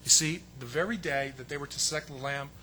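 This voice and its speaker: A man preaching a sermon with emphatic delivery, swinging between loud stressed phrases and hushed asides. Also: on the high side, fast talker, a little hiss or hum. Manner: acts out quotes in a raised voice. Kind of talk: sermon teaching.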